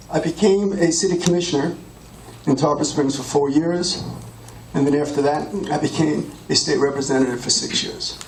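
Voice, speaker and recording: A man's voice: fairly high pitch, a little mellow, slight background noise. A middle-aged man from Austria giving a storytelling campaign speech as a political candidate. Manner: storytelling, with fillers. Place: meeting room. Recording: echoey room from far off.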